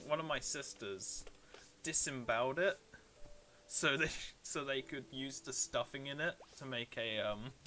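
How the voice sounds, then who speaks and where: There's slight background noise as a British streamer talks in a sharp-toned, mid-range voice. He plays a game and chats informally with his audience, responding to viewers in a wandering, self-mocking manner.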